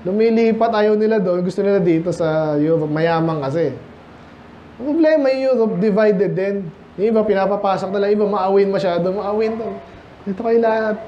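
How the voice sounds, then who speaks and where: A man's voice: sits high, brisk, mellow, highs cut off, a little hiss or hum. A Filipino man preaching a sermon as pastor, switching between Tagalog and English and firing rhetorical questions at the congregation. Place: church.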